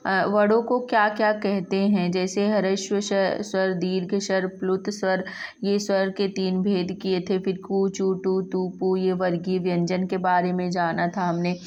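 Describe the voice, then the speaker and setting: A woman teaching a Sanskrit lesson in speech, slowly spelling out sounds one by one and repeating them. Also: medium pitch, completely flat delivery, darkish tone, lo-fi sound. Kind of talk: classroom lesson.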